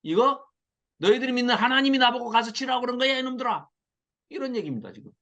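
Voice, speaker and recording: A middle-aged man teaching a Bible study to a small class, lively and often acting out mocking lines. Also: extremely high pitch, fast talker. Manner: animated, mocks the invaders in acted quotes.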